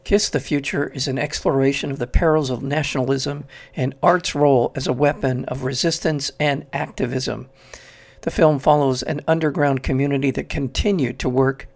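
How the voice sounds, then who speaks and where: A middle-aged man hosts a radio interview, his voice carrying a gravelly, fry-edged texture. He reads his intro steadily and asks his questions in measured phrasing with restarts, pitched in an ordinary male range. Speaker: radio show host.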